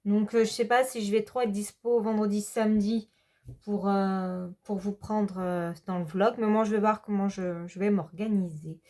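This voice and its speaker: A woman chats casually to her viewers in a relaxed vlog. She rambles and hesitates, with plenty of pauses as she goes. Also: medium pitch. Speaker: hobby vlogger.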